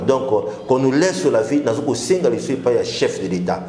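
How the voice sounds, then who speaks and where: A man's voice: mid-range voice, big pitch swings, moderate pace, warm tone. Emphatic man, echoey room. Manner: emphatic, mixes French and Lingala. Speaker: political guest. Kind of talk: political talk show discussion.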